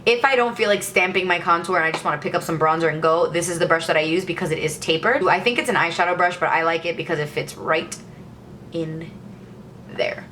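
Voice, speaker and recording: Chatty young woman, slightly low voice. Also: brisk, fairly bright tone, slight background noise. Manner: chatty and enthusiastic. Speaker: beauty vlogger. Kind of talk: casual makeup tutorial.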